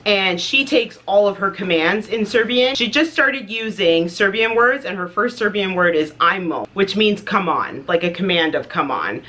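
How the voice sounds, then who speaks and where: A woman's voice: medium pitch, animated, normal speed, few pauses, fairly bright tone. A woman in her thirties from Canada, chatting casually to camera as a motherhood vlogger, upbeat and full of details. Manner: chatty, upbeat, lists details with light fillers.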